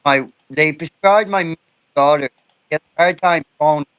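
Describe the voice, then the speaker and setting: A man's voice: a little high, normal speed, fairly bright tone, smooth. A middle-aged man with a blunt, swearing manner, talking casually on a live stream panel. His audio is choppy, with word endings cut off by a bad connection. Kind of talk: casual chat. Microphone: phone in a waterproof case.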